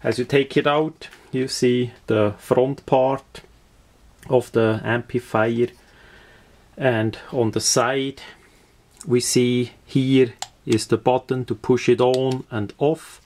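A man with a Swiss accent talks through a product demonstration without a script. His pitch is average and his pace is slow. He is halting, often searching for a word and repeating himself as he goes. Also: fairly even intonation, darkish tone. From Switzerland. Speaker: product reviewer.

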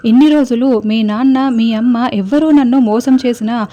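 A woman's voice: fairly high pitch, normal speed, close to an everyday voice. A woman voicing a furious middle-aged mother who hurls accusations and threats, in a retold TV serial. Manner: shouting accusations.

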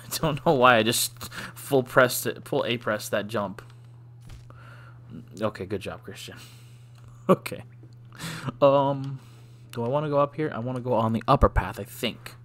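A man's voice: mid-range voice, unhurried, long pauses, fairly bright tone. Joking, sighing gaming host man. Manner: joking, self-deprecating, sighing. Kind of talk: casual let's play commentary.

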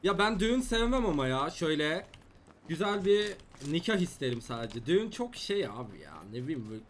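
A young man chats casually over his gameplay, joking and teasing his viewers. His voice sits high and swings up and down. Keyboard typing clicks away behind him. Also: very animated, a little fast, a little hiss or hum. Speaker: gaming streamer.

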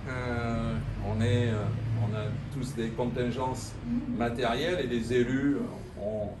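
A man who is a departmental councillor gives a rambling, halting speech at an exhibition opening, full of fillers. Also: medium pitch, recorded from a distance. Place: exhibition room in an old town hall. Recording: echoey room, voice from afar, ambience noise.

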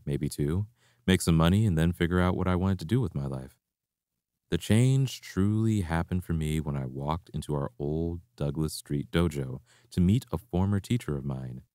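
Deep, mellow man reading a memoir. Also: no room sound, clean studio sound. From Canada. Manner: reflective, steady storytelling. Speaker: martial arts instructor. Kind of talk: reading a personal memoir aloud.

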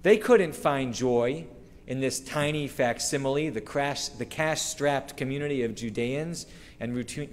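A middle-aged man, a rabbi, giving a measured, earnest sermon at a lectern microphone, slowing for emphasis. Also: medium pitch. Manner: measured, earnest preaching with slow emphatic phrases. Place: synagogue sanctuary, standing at a wooden lectern. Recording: long reverb of a large hall.

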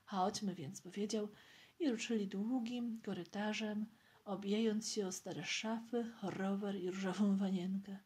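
Woman reader, audiobook reading of a novel, slow, breathy, mellow, half-whispered storytelling. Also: mid-range voice, fairly even intonation.

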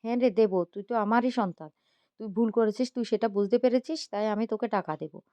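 A woman's voice: a little high, fast talker, warm tone, no echo, natural voice. Woman voicing a pleading, scolding mother. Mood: anxious, scolding. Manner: pleading, insistent repetitions. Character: worried, scolding middle-aged mother.

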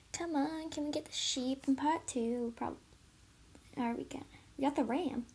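High, playful woman reviewing toys. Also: measured pace, a little mellow, a little hiss or hum. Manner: chatty, giggly, playful. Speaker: toy reviewer. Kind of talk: casual toy unboxing chat. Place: carpeted room indoors.

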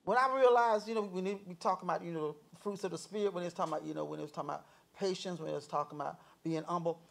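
A man's voice: sits high, racing, creaky, a bit bright. A man speaking as a guest on a panel, emphatic, with many call-and-response affirmations. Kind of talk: panel discussion.

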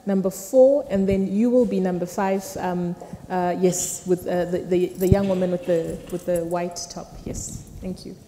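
A woman's voice: fairly low pitch, fairly even intonation, unhurried, hardly any pauses, mellow. A middle-aged woman moderating a town hall discussion from a panel seat in a lecture hall, speaking hesitantly with frequent fillers and restarts. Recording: roomy hall reverb with faint noise.

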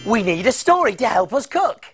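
A man's voice: extremely high pitch, very animated, moderate pace, loud music behind the voice. An actor in his thirties playing a friendly, enthusiastic big cook in an exaggerated children's TV presenting style. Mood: excited. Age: 30s. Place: TV studio kitchen set.

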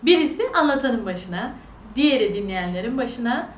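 A woman storyteller narrating a children's fairy tale in an animated, sing-song manner. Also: a little high, brisk, a little hiss or hum. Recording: echoey room, far from mic.

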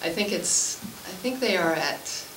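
A Swiss woman in her forties, a native French speaker, informally introduces herself as a language teacher at a committee meeting in an indoor school room. Her voice is on the low side and animated, with a measured pace, captured in an echoey room by a distant mic with background noise.

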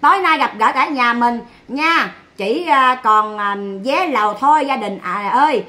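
A woman's voice: sits high, measured pace, pushed and bright. A woman with a Southern Vietnamese accent, ranting sarcastically and bluntly on a livestream.

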